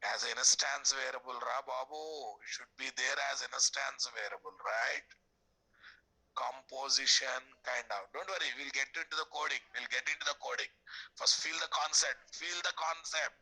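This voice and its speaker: A man's voice: mid-range voice, fairly even intonation, moderate pace, sharp tone, husky, poor audio. A middle-aged man with a Telugu Indian accent giving an online programming lecture, repeating phrases and checking in with questions. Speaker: programming instructor. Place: indoor room, screen-share video class.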